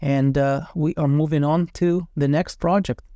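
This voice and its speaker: Man with a mellow, slightly high voice. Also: fairly even intonation, a little slow, no room sound, dull audio. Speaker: renovation company representative presenting a project. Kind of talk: informal video narration of a project review.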